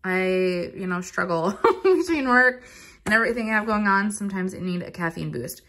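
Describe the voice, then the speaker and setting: A woman's voice: medium pitch, animated, normal speed, a bit bright. A young woman chatting casually through a grocery haul, rambling with many fillers, filmed at home on a phone. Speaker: vlogger. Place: home kitchen counter.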